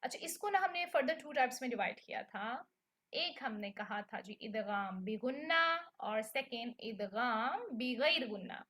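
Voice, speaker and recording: Woman teacher, high bright voice, patient, keeps asking "okay?". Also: lively intonation, a little slow. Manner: patient explainer, checks in with "okay?" often. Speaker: Quran recitation teacher. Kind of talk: online lesson.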